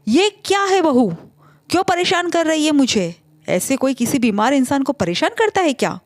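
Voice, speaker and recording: A woman putting on a shrill, scolding old mother-in-law. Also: expressive, normal speed, no room sound, studio quality, natural voice. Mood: shrill anger.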